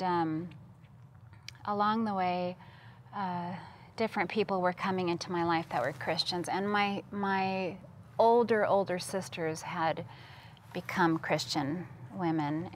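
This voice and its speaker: Seated at a table in a TV studio, a missions worker from Costa Rica gives an earnest, testimony-like account as an interview guest. She speaks slowly in a steady, slightly low voice, with some background noise audible.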